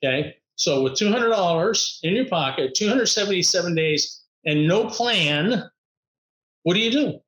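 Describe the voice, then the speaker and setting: A man with a fairly high voice tells his story in an upbeat, animated way and laughs often. He speaks as a guest in conversation. The room sounds echoey. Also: normal speed. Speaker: podcast guest, motivational speaker.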